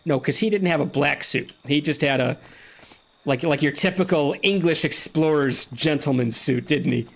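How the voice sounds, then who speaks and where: A man chats and jokes his way through a video game playthrough, talking to a friend as he goes. His voice sits a little high, and his delivery is loose and playful. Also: normal speed. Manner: chatty, joking, talks to a friend on a call. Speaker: gaming streamer. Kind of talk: casual let's-play commentary.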